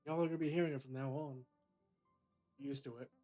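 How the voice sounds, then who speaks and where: Mellow-voiced guy streamer, swears a lot, game music under him. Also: mid-range voice, steady tone, fairly quick. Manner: profane, blunt, joking. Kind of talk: casual gameplay commentary. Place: home streaming setup.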